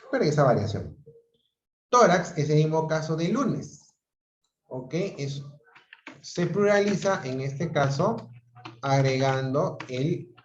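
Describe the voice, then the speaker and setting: A man teaching an online grammar lesson, explaining patiently and often checking in with his students. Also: on the high side. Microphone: video call audio. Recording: roomy, dull lo-fi video call sound.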